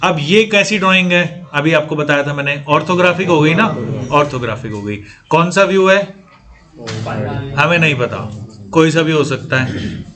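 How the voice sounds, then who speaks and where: A man's voice: fairly high pitch, expressive, moderate pace, over music. A man lecturing a class on engineering drawing, quizzing students and repeating key points. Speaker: CAD training instructor.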